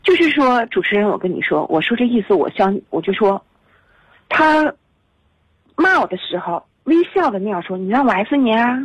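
A woman's voice: medium pitch, big pitch swings, normal speed, breathy edge, no room sound, low-quality recording. A woman in her forties calling in to a radio show, telling an upsetting story in an agitated, tearful way over the phone. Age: 40s. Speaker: radio caller. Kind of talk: emotional phone-in confession.

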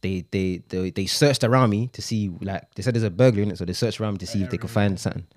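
A man's voice: on the low side, very fast, darkish tone. A young man with a London roadman accent, telling stories casually and indignantly with lots of slang, swearing and repetition. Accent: London roadman, multicultural London English. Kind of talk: casual storytelling among friends, heavy slang and swearing.

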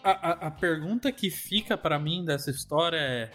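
A man's voice: a little high, expressive, moderate pace, a bit bright, faint music behind. Eager man stammering into his points. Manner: eager, stammers when starting a thought. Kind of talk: casual podcast chat.

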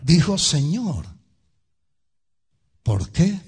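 A male pastor preaching a sermon, emphatic, swinging between loud and soft and speaking straight to the congregation. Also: on the high side, big pitch swings, very slow, slightly rough. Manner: addresses the congregation directly.

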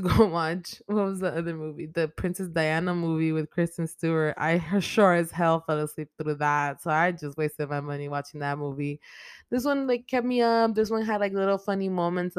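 A woman's voice: sits low, moderate pace, clean tone, no room sound. Profane, chatty young woman podcaster. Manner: profane, animated retelling with frequent "like". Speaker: podcast host. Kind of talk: casual movie recap podcast.

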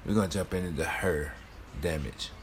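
Deep, loose-talking male podcast host. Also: moderate pace, slight background noise. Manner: loose, slangy, drawling, swears freely; calls himself sleepy-voiced. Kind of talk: casual chat over songs.

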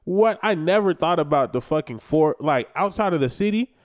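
A young American man in casual podcast conversation. He talks like a frat bro, with plenty of slang and swearing. His delivery turns animated and incredulous as he riffs. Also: fairly high pitch, brisk. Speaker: podcast guest.

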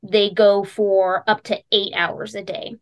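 A woman's voice: medium pitch, flat delivery, slow pace. A woman hosting a casual podcast chat, hesitant and full of ums and uhs. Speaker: podcast host.

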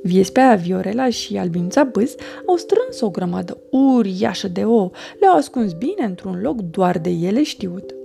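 A woman reading a children's storybook aloud with an expressive, animated delivery. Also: mid-range voice, creaky, hardly any pauses, soft background music.

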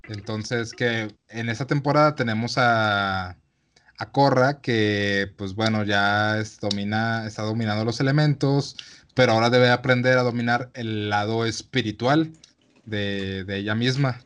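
A man with a Mexican Spanish accent, co-hosting a relaxed, casual chat and using slang fillers. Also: on the low side, measured pace. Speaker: podcast co-host. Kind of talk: casual chat about a cartoon series.

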